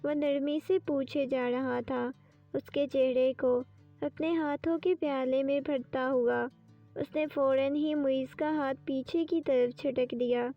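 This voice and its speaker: A woman narrating a romantic novel audiobook in a steady storytelling manner. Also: sits high. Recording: distant dull lo-fi with faint music.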